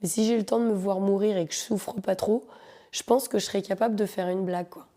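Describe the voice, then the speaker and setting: A woman's voice: medium pitch, steady tone, fast talker, dark tone. A woman hosting a podcast, telling a personal story in a casual, joking, slangy way and talking straight to her listeners. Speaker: podcast host.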